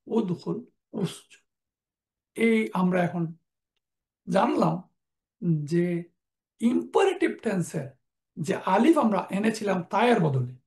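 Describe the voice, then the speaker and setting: Woman teacher going thru arabic verb forms one by one, slide lecture, steady and methodical. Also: medium pitch. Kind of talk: online lecture over slides.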